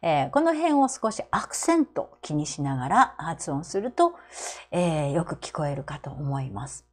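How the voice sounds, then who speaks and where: A woman with a Japanese accent teaching English travel phrases to seniors, modelling each phrase very slowly. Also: low-pitched, very animated.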